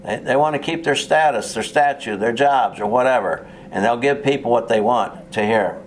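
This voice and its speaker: A man's voice: mid-range voice, moderate pace, a little hiss or hum. A man preaching a sermon in an earnest, plain way, with touches of sarcasm and frequent restarts.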